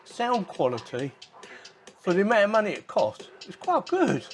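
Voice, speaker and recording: With a high-pitched voice whose pitch swoops wildly, a man speaks at a moderate pace during a casual product demo. The tech product reviewer gives relaxed unboxing commentary, chatting and thinking aloud as he goes.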